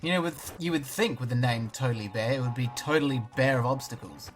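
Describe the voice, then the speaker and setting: Here a gaming YouTuber from Australia, young and male, talks through a let's-play with dry jokes at his own expense, occasionally chewing banana as he speaks. He sounds medium-pitched and brisk, with faint music in the background.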